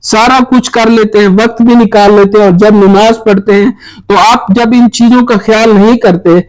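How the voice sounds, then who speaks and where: A man acting as spiritual teacher, giving a religious talk and earnestly urging his listeners in slow, emphatic phrases. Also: high voice, fairly even intonation, rough recording.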